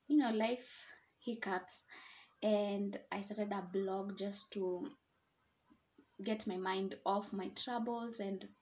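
A woman's voice: mid-range voice, darkish tone. A woman in her twenties with a Kenyan accent, introducing herself in an informal, chatty, slightly hesitant way as a podcast host. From Nairobi, Kenya. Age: 20s. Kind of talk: casual personal introduction.

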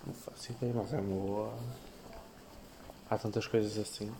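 A man's voice: on the low side, flat delivery, normal speed, warm tone. A young man with a European Portuguese accent talks casually in offhand slang as a podcast co-host, out walking in the street. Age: young adult. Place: outdoors, walking along streets. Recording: clearly noisy outdoor recording.

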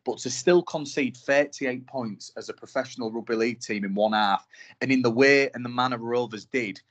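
A man chats about rugby league on a podcast. His voice sits at an ordinary middle pitch. He talks in the animated, frustrated way of a devoted fan. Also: normal speed. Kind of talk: casual sports chat.

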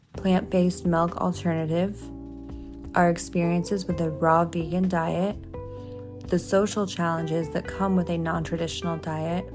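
A woman hosting a podcast, reading a scripted introduction in an even, read-aloud way. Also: lowish voice. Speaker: podcast host and health coach. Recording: music playing behind voice. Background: intro music.

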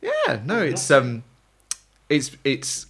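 A man's voice: mid-range voice, huge pitch swings, very slow, fairly bright tone, slightly rough. A man, a guest on a podcast, chatting casually and rambling with plenty of fillers and restarts. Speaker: podcast guest, agency founder. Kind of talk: casual chat.

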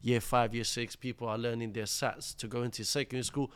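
A man in his thirties, born in Iraq, tells his life story as a podcast guest in a casual storytelling interview. He talks in street slang, calling the host "bro" and "akhi," with a clean, mid-range voice, a level tone, and a fairly quick pace.

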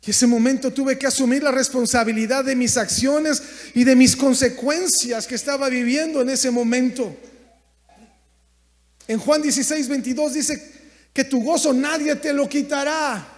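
High-voiced preacher with hall reverb. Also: male voice, steady tone, normal speed. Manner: impassioned preaching, swings from loud exclamations to quiet asides. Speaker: pastor. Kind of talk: sermon. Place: church sanctuary.

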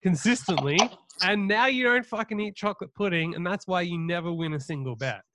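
Higher-voiced sweary man on a podcast. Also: a little fast, fairly bright tone. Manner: sweary, teasing. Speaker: podcast host. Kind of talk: casual sports betting banter.

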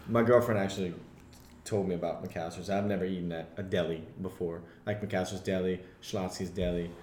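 A man's voice: deep voice, steady tone, fairly quick, darkish tone. A man guest in a casual chat who chimes in briefly and repeats his phrases. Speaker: guest, business co-founder. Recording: echoey room with faint noise.

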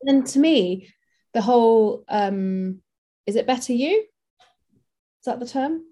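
A woman's voice: fairly high pitch, expressive, slow pace, warm tone. A woman, a makeup artist, talking casually and practically in an interview, with many fillers.

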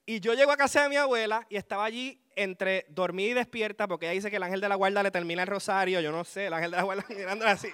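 A man, giving a lively spoken testimony to a congregation and chuckling as he tells his story. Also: high-pitched, rapid-fire, few pauses, clear, resonant tone.

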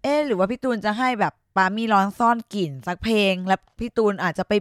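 A woman's voice: mid-range voice, no room sound, studio quality. A woman guest in a casual podcast chat, talking enthusiastically. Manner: enthusiastic, quick.

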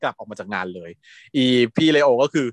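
A man casually recapping a TV drama as a podcast host, animated, laughing often and acting out lines. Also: medium pitch, brisk, no echo.

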